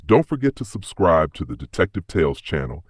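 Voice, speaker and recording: Deep husky man narrating a mystery. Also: big pitch swings, fairly quick, dry recording, clean studio sound. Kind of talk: audiobook narration.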